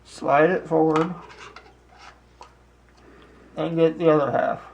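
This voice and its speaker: A man with a slightly high, gravelly voice walks through a casual demonstration. His delivery is slow and deliberate, often broken into short halting phrases. Faint room noise sits behind him. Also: level tone. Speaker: host demonstrating a hobby. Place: home basement, indoors. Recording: clear background noise, room ambience.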